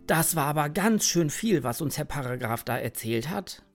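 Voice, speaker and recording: A woman voicing a curious, brave young boy who calls out loudly in a storybook. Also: low voice, moderate pace, soft background music. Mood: eager. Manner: excited, loud calling out.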